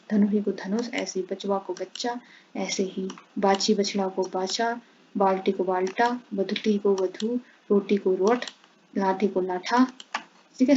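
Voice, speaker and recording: A woman's voice: medium pitch, warm tone. A woman teaching a grammar lesson in Hindi. She reads out word pairs, says "ठीक है" after each set, and mixes in English words. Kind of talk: classroom-style lesson. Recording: dull, slightly noisy lo-fi audio.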